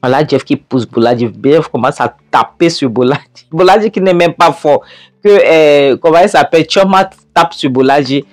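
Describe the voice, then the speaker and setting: A woman's voice: sits low, normal speed, dry recording, studio quality. Indignant woman recapping a film. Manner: emphatic, repetitive and indignant commentary. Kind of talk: retelling and reacting to a film.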